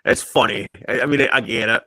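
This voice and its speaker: Bright and forceful, this mid-range male voice rattles along fast in a dry recording. As a podcast co-host or guest chatting loosely about TV shows and movies, he rambles, keeps restarting his thoughts, and laughs while talking.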